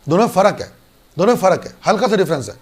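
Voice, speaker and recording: Animated Indian male law lecturer. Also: high-pitched, very fast, breathy edge. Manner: animated, acts out student dialogues. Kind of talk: online class lecture.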